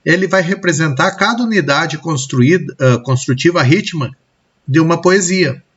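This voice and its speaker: A man's voice: on the high side, fairly bright tone, breathy edge, dull audio. A man with a Brazilian Portuguese accent teaching a recorded lesson on poetry, explaining step by step and checking in often with his students.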